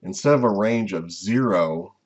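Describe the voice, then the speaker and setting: A man with a deep voice talks through lecture slides at an easy, explanatory pace, stopping often on "uh" and "um". His tone is a little husky. The recording sounds dull and muffled. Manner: unhurried, explanatory, frequent "uh" and "um" fillers. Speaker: instructor.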